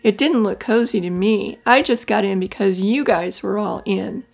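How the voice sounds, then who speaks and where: A woman's voice: mid-range voice, normal speed, gravelly, faint music behind. An older woman voicing a grumpy little male bird who grumbles sulkily, in a storybook reading. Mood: sulky. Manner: sulky, grumbling.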